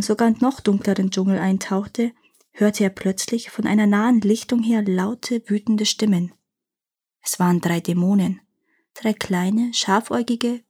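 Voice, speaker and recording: A woman reading a fairy tale aloud in a clear, measured storytelling manner. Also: medium pitch, warm tone.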